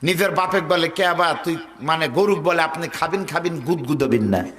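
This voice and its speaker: A man's voice: on the high side, normal speed, a bit bright, long reverb tail. A man from Bangladesh with a northern Bangladeshi Bengali accent, preaching a waz sermon to a crowd, urging them to call back and mimicking regional dialects. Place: outdoor religious gathering over loudspeakers.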